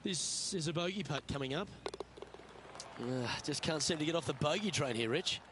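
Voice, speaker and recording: A man's voice: fairly high pitch, expressive, moderate pace, noisy background, lightly acted. A man playing the lead golf commentator in a video game, calling each shot in short running updates over outdoor ambience. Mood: composed, observant.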